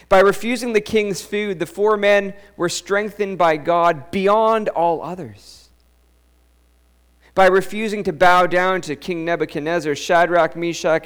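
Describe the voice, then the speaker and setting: A man's voice: fairly high pitch, clear, resonant tone. A middle-aged male pastor giving an earnest sermon, telling a personal story and repeating key lines for emphasis.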